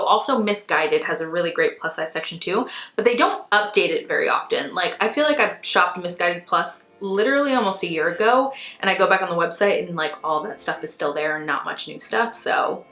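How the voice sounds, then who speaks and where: A woman's voice: mid-range voice, fairly bright tone, reverberant. A young American woman chatting casually and informally to camera as she answers viewer questions, giggly at times and free with swearing. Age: young adult. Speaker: YouTube beauty and fashion vlogger. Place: small indoor room at home, seated in an armchair.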